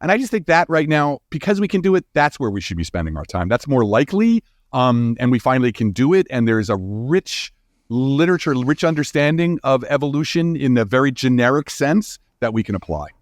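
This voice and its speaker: In clean studio sound with no room echo, a man's medium-pitched, sing-song voice explains ideas as a podcast's expert guest. He's a scientist and book author, speaking informally and with emphasis, full of halting restarts and tags like "you know" and "right?".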